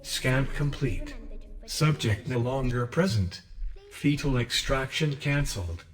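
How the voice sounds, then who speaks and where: An actor voicing a male surgical machine that reads clipped, flat status announcements through a loudspeaker in a game. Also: mid-range voice, takes it slowly, long reverb tail. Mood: clinical.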